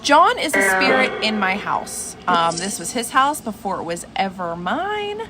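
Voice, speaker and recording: A woman livestream host talks in a casual, chatty way from inside her home, with a medium-pitched voice. She often addresses people by name, and a clear layer of noise runs behind her on the stream. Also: unhurried. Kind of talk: casual livestream chat with viewers. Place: at home indoors. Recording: noisy livestream with steady background hiss.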